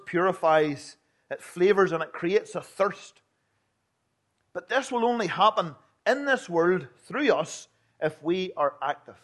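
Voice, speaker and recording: A man with a Northern Irish, Ulster accent delivers a sermon as a preacher, speaking plainly and earnestly and putting questions to his listeners. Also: high-pitched.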